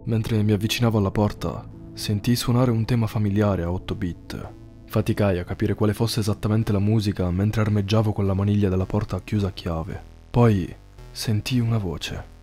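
A man narrating a horror story in a measured, somber scripted read. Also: lowish voice, steady tone, mellow, faint music behind.

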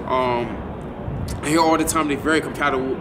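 A man's voice: medium pitch, fairly even intonation, moderate pace. Young man rambling to camera outdoors. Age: 20s. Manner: rambling, repetitive, laid-back. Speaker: vlogger. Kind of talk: casual vlog to camera. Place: outdoors at night in front of a building. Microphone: camera a few feet away. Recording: distant camera mic, street noise.

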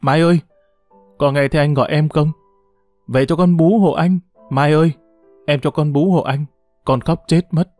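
A man's voice: on the high side, fairly even intonation, moderate pace, pauses often, a little mellow, no echo, soft background music, voice pushed up, lightly acted. A man voicing a desperate young father who calls out pleadingly for his missing wife. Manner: calling out pleading and plaintive.

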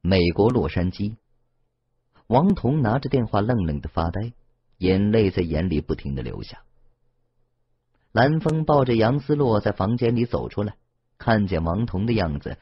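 一名男性有声小说演播者，用讲故事的方式朗读网络小说，录音音质发闷。. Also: male voice, lowish voice, normal speed, husky, dry recording, muffled recording. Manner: steady, expressive storytelling. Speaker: audiobook narrator. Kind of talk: scripted audiobook narration.

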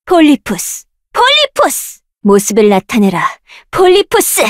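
A woman voicing a proud, confident young female researcher in a game, delivering self-assured lines and commanding skill shouts. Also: high voice, sing-song, moderate pace, no room sound, studio quality. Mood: battle shouts. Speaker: voice actress for a game character.

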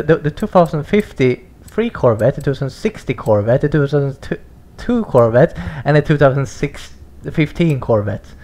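A young man hosting a racing game let's-play, excitable and stammering, laughing and swearing as he reacts. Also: mid-range voice. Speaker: gaming channel host.

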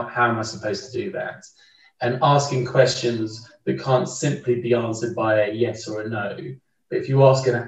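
A man as a podcast guest, talking through a book in a thoughtful, casual way with frequent restarts. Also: medium pitch. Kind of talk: casual conversational book discussion. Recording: roomy, distant, dull remote mic.

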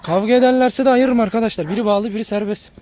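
A man with a high but mellow voice talks casually to his viewers in a vlog. He speaks straight to his dogs and often repeats the same phrases. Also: quick pace, a little hiss or hum. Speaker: dog breeder vlogger.

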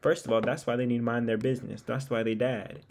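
A man's voice: medium pitch, level tone, fast, creaky, a little mellow, slight background noise. A man chatting casually through a mystery game as a gaming YouTuber, repeating himself as he plays. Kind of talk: casual gameplay commentary.

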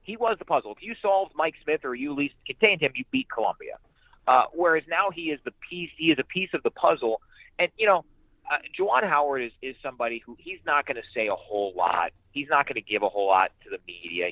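Brisk and lively in intonation, a man with a mid-range voice serves as a guest on radio, analyzing sports conversationally. He emphasizes his points by repeating phrases, and the echo-free audio is muffled and band-limited like a phone.

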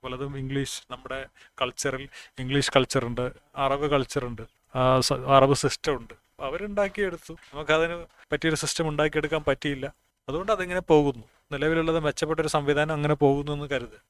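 A man's voice: on the high side, a bit bright, smooth, no room sound. A man from northern Kerala giving a casual spoken talk, plainspoken and reasoning aloud, often restarting words. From Kasaragod, northern Kerala. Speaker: speaker on language.

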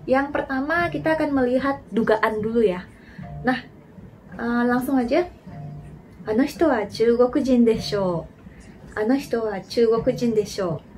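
A woman teaching a casual language lesson, slowing down to say model sentences carefully between quicker explanations. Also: fairly high pitch, darkish tone, soft background music.

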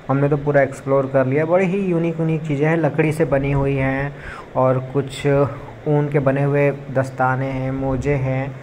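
A man's voice: fairly high pitch, a little mellow. Chatty man vlogging on a noisy street. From India. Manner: chatty, addresses viewers as brothers. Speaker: travel vlogger. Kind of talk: casual walking-tour narration. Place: outdoors on busy city streets and market. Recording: street noise behind handheld recording.

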